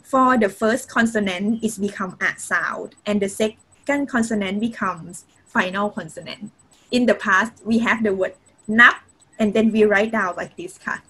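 A woman's voice: medium pitch, a bit bright, slightly rough, poor audio. A woman teaching Thai in a video-call lesson, mixing simple English with Thai and adding polite particles often. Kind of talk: online language lesson.

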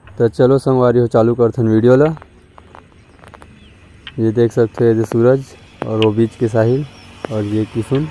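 A man's voice: medium pitch, flat delivery, unhurried, pauses often, mellow, slight background noise. Chhattisgarhi young man vlogging outdoors. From India. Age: young adult. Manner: chatty, addresses viewers as friends. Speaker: village vlogger. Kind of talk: casual vlog narration. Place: outdoors by a village pond.

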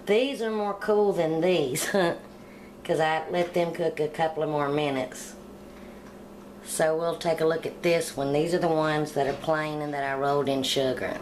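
A woman's voice: sits low, fairly even intonation, a little slow, a little mellow, a little hiss or hum. A middle-aged woman hosting a home cooking channel, talking plainly step by step through a recipe in her kitchen. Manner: homey, plain-spoken, step-by-step. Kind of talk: casual cooking demonstration voice-over.

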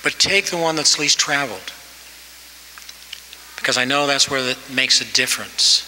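Speaking at normal speed in a mid-range voice, this sixty-something commencement speaker sounds bright and forceful as he urges on his audience, pushing his voice up to stress points. He's on a podium microphone in a big, echoing hall with faint ambience and a bit of hiss or hum.

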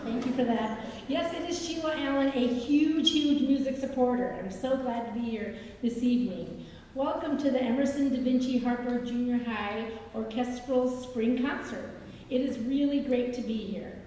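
A woman's voice: a little high, normal speed, a little mellow, slight background noise. A woman emceeing a school concert, upbeat and chatty, asking the audience questions live. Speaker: master of ceremonies at a school concert. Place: large concert hall. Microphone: hall microphone heard from a distance. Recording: echoey concert hall from far off.

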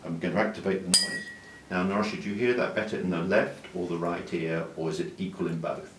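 An older man who is a doctor talks fairly quickly in a calm, low voice, explaining an exam demonstration with a few small restarts. The setting is a clinic examination room for clinical teaching, and a far camera mic leaves the recording roomy and distant with faint room hiss.

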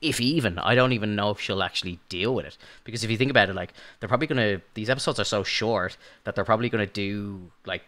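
A man's voice: lowish voice, pushed and bright. A man co-hosting a podcast, chatting casually in a rambling way, with lots of fillers and restarts. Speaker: podcast co-host. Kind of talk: casual review chat.

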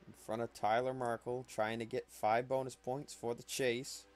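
A man giving calm, analytical play-by-play commentary for a simulated stock car race, with faint noise behind him. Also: mid-range voice, normal speed. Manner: calm, analytical play-by-play that rises sharply at wrecks. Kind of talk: solo sim racing commentary.

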